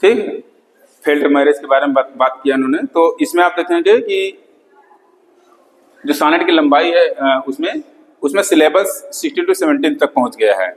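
Expressive and on the high side, a male English literature lecturer speaks at normal speed in a reverberant classroom with a board. He teaches in a mix of Hindi and English, repeating key terms and often checking "theek hai".

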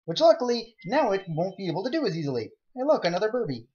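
A young let's-play gamer gives casual, rambling commentary on his game, joking around and bursting out excitedly. He talks fast in a voice pitched a little high for a man, captured on a dull, lo-fi home microphone.

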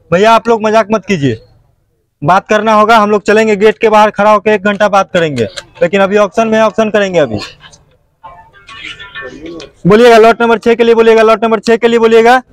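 A man with a high-sitting voice calls bids again and again, chanting prices as he runs an outdoor motorbike auction. He's on a lot crowded with parked motorbikes, and the recording has no room sound.

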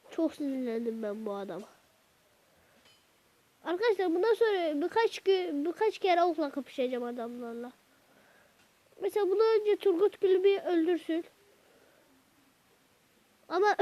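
A woman hosting a gaming channel, chatting to her viewers while she plays, with sudden excited outbursts at the game. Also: high-pitched, moderate pace, pauses often. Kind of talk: let's-play gameplay commentary. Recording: dull lo-fi recording.

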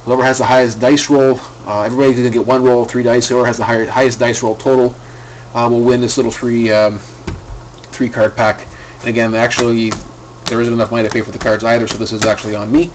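A man at a home desk runs a live card break, chatting loosely with plenty of filler words and restarts. His voice sits at a middling pitch. A faint hiss of room noise stays under the camera mic. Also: level tone, fast talker, low-quality recording.

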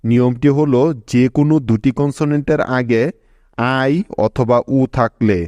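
A man's voice: mid-range voice, steady tone, normal speed, darkish tone, dry recording, lo-fi sound. A man narrating a scripted English spelling lesson, patiently spelling out letters one by one. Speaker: English teacher.

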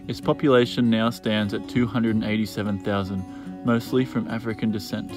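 Laid-back young man over loud music. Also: on the low side, level tone. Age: young adult. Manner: laid-back, joking, drawn-out musing. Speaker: sailing vlogger. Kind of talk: casual travel vlog chat. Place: outdoors on a sailboat and harbourside. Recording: music bed playing under the voice.

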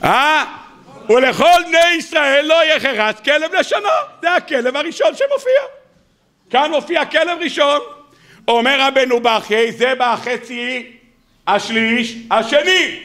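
In an extremely high-pitched voice with an Israeli Hebrew accent, a man preaches a spirited, jokey weekly Torah sermon as a rabbi to a congregation gathered in a synagogue or study hall. He keeps raising questions only to answer them himself, and impersonates quoted figures in a raised, mocking voice.

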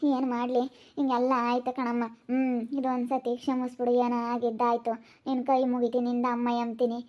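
A woman's voice: fairly high pitch, completely flat delivery, a little fast, natural voice. A woman playing a remorseful middle-aged aunt who pleads for forgiveness in a subdued voice, in a muffled lo-fi recording. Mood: pleading.

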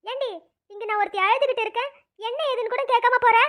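A woman's voice: very high voice, steady tone, fast, a crowd in the background. A woman doing a whiny, dramatic young cartoon woman. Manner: whiny, complaining.

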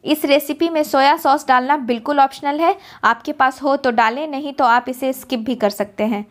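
A woman giving a calm, step-by-step cooking voice-over as host of a recipe channel. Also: high-pitched, normal speed. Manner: calm, instructive, explains each step.

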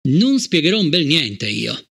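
A man's voice: on the high side, sing-song, a little slow, creaky, a bit bright, husky, heavily acted. A man reading an audiobook, voicing a curt, defiant starship captain.

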